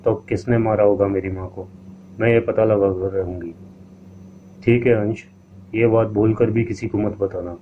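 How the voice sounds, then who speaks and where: A man's voice: on the low side, steady tone, normal speed, close to an everyday voice. A man voicing a determined, grieving young daughter who speaks resolutely. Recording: tinny lo-fi line with faint hiss.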